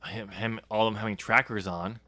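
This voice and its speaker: Hosting his podcast, this author talks casually through the draft of his novel, explaining his writing with some hesitation. His voice sits on the lower side and moves a little fast, steady yet bright and forceful.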